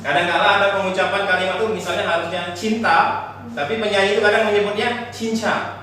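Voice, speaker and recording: A man's voice: sits high, flat delivery, fast talker, sharp tone. A man teaching a singing lesson in a classroom, explaining patiently and singing short examples and solfege. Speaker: music teacher. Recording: echoey classroom from far off.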